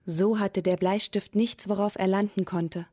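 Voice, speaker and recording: A woman narrating a storybook tale in a calm, unhurried, expressive reading voice. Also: medium pitch, breathy edge.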